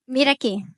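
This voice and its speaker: A woman's voice: high voice, no echo, studio quality. A woman preaching a sermon, telling a story with animation, acting out the dialogue and asking her listeners questions. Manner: asks listeners rhetorical questions.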